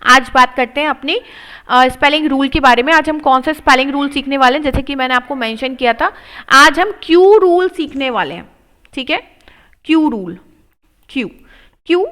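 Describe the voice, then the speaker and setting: A woman's voice: high-pitched, bright, forceful tone, low-quality recording. A woman teaching an English reading lesson, drilling words one at a time and explaining in Hindi mixed with English. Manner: slow word-by-word drilling, mixing Hindi and English.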